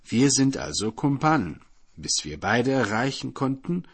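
A man's voice: medium pitch, very animated, unhurried, background noise, pitched above the performer's own voice. A man voicing a greedy male thief who bickers with his partner. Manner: stubborn, bickering.

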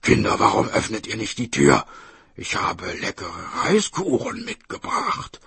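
A sly, hungry storybook tiger that wheedles and stalls when caught out, as a man puts it on. The voice sits low with a gravelly, husky grain. It has a bright, pushed edge and swings widely in pitch. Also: wildly swooping pitch, measured pace, no room sound, full character voice. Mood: wheedling. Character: cunning hungry tiger posing as a mother.

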